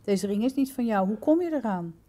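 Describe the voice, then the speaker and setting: Woman doing a severe toll lord, mellow, firm and questioning. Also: on the high side, lively intonation, fairly quick. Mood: stern. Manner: sharp, probing questions. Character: stern commanding male toll lord.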